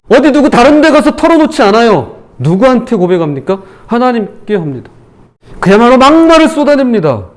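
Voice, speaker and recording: A male pastor preaching a sermon in an animated way, acting out the speech he quotes with feeling. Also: very high voice. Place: church.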